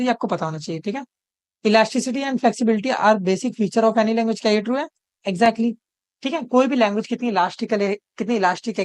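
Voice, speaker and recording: Brief: woman tutor, exam-prep lesson, dry close sound, slow read-outs of questions, constant check-ins. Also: medium pitch, dry recording. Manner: reads quiz questions slowly, checks in constantly.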